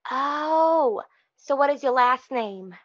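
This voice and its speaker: An actress playing a smug, obstructive office receptionist who talks in an officious, condescending way in a comedic short film. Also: female voice, high-pitched, animated, lo-fi sound. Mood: haughty, officious. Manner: officious, condescending, deliberately obtuse.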